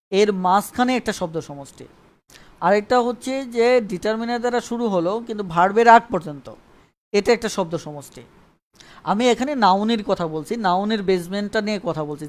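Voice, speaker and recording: Man teaching English grammar live. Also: high voice. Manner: repetitive, keeps checking understanding. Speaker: English tutor. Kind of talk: live online grammar lesson.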